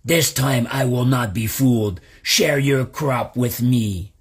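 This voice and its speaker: A man doing a gruff, slow-talking bear. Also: medium pitch. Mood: demanding. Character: big male bear, gruff and demanding. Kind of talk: storybook reading.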